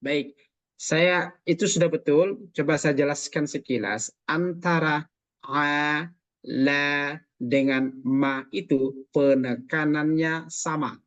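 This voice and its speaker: A man's voice: a little high, fairly bright tone, no echo, highs cut off. Patient male recitation teacher on a call. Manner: patient, corrective, models pronunciation slowly. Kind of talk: online recitation class coaching. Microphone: video call.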